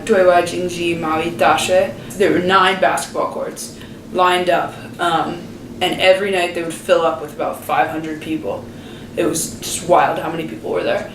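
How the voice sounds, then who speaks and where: Young female student, relaxed storyteller, room echo and background noise. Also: on the low side. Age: young adult. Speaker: student athlete. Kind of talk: casual interview. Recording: roomy, distant, noisy.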